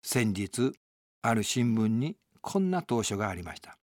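A man's voice: on the low side, very animated, measured pace, a little mellow, no echo. A man, a pastor, delivering an earnest, emphatic radio sermon from a studio.

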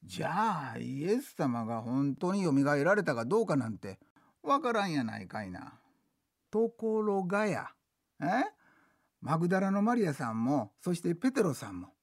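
A man's voice: a little high, very animated, normal speed. A man with a Kansai accent telling a comic story rakugo-style, switching between two chatting servants.

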